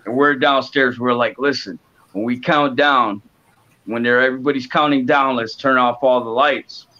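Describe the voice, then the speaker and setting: A man's voice: medium pitch, steady tone, normal speed, bright, forceful tone, lo-fi sound. A man in his late thirties hosting a fish-keeping livestream from a room full of aquariums, telling stories in casual chat with lots of restarts. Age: 30s. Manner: rambling storyteller with many restarts. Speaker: livestream host. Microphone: webcam on a video call.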